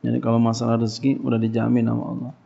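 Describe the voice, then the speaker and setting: A man's voice: medium pitch, completely flat delivery, rapid-fire, vocal fry, dark tone. A man giving a casual religious lecture as a pesantren teacher, asking his listeners questions and answering them in a colloquial way. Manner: colloquial, call-and-response questions. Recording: dull lo-fi lecture recording.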